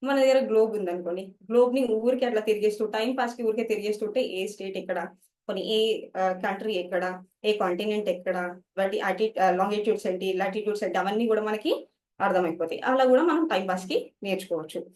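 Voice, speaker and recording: A woman's voice: mid-range voice, a little mellow, far from the mic. A woman teacher, explaining study skills to students and mixing English words into her talk.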